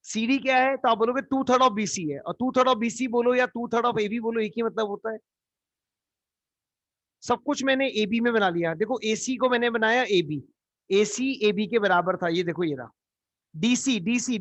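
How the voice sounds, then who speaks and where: A man's voice: extremely high pitch, normal speed, fairly bright tone, dry recording. A man teaching a live geometry class, coaxing students with repeated questions. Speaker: math teacher. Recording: dull lo-fi online class audio.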